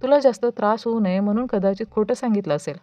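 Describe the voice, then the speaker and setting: A woman's voice: medium pitch, quick pace, mellow, no room sound, lo-fi sound, soft background music, lightly acted. A woman voicing a kindly, gossipy female housemaid who speaks in a confiding way.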